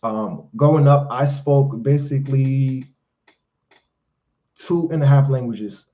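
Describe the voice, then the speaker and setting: Slow and dark-toned, this medium-pitched male voice comes through a muffled recording. A life coach whose first language is Haitian Creole runs a live-stream Q&A, preaching motivational advice with emphasis and addressing his audience as "fellas" and "brother."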